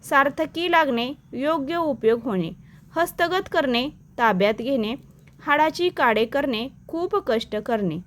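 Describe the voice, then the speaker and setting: A woman teacher, reading out a list of phrases and their meanings in a steady recitation for exam practice. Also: sits high. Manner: slow, even recitation of phrase and meaning pairs.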